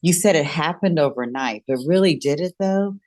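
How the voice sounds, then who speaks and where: A woman's voice: deep voice, expressive, normal speed, a little mellow, low-quality recording. Woman, podcast host, reflective, encouraging, long flowing sentences. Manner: reflective, encouraging, talks in long run-on thoughts. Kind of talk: conversational interview.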